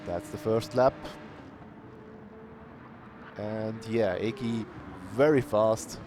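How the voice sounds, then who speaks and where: Calling himself monotonous, a male race commentator with a fairly low voice calls an online sim racing qualifying session. He keeps things plain and unhurried apart from sudden cheers, all heard through noisy stream audio.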